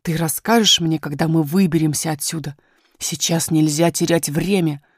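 Woman voicing a young miner boy, low, hushed, practical, brave, storybook reading. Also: steady tone, normal speed, slightly rough, dry recording, clean studio sound. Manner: lowered, hushed, matter-of-fact.

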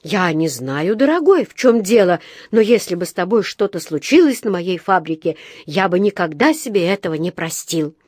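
A woman's voice: lowish voice, big pitch swings, moderate pace, few pauses, darkish tone, no echo, clean studio sound. A woman playing a flustered, fussy elderly male factory owner who speaks anxiously in a storybook. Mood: relieved.

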